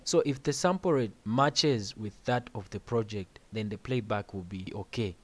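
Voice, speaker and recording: Over a screen recording, a man with a medium-pitched voice hosts a music-production tutorial, plainly walking through software steps and tossing in casual asides.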